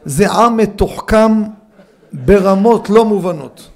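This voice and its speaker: A middle-aged rabbi with a high, gravelly voice teaches in a study hall. He keeps things lively, acting out little scenes and slipping humor into the lesson. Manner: animated storyteller, acts out scenes with humor. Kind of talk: Torah lesson with anecdotes.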